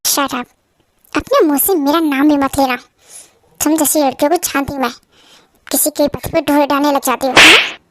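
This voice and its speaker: A woman voicing a jealous, sharp-tongued young wife in an amateur fan dub, scolding and confrontational. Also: high voice, fairly even intonation, normal speed, pauses often, a little hiss or hum. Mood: angry.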